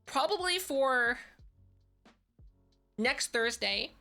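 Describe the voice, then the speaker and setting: A woman's voice: sits high, expressive, extremely slow, creaky, pushed and bright, soft background music. A woman chatting casually as a virtual streamer on a live stream, with a cute, bubbly anime-streamer delivery. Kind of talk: casual livestream chat.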